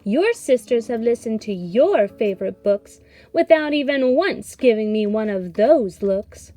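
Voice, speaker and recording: A woman voicing an affectionate, brisk storybook mother cat who coaxes and teases. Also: a little high, animated, mellow, faint music behind. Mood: coaxing, chiding. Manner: coaxing, teasing pet names. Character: brisk affectionate mama cat coaxing her kittens.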